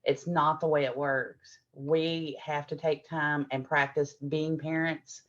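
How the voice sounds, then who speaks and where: In lo-fi sound, a middle-aged woman speaks slowly in a low-pitched voice with little pitch movement. She's presenting a parenting workshop, offering warm, patient examples and acting out lines from grown-ups and children.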